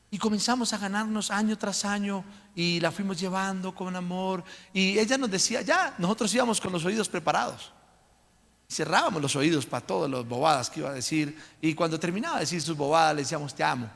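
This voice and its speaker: Gravelly pastor in a reverberant church. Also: male voice, high-pitched. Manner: storytelling with acted voices and loud prayer. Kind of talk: sermon. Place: church sanctuary. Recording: long hall reverb.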